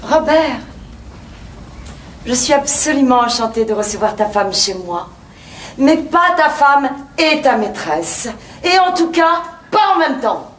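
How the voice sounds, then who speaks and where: A cool, cutting, haughty hostess. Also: female voice, high voice, very animated. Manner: measured, cutting, drawn-out irony. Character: composed, ironic, haughty hostess, woman. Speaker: stage actor. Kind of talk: live stage farce. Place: theater stage with live audience. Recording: roomy theater with background noise.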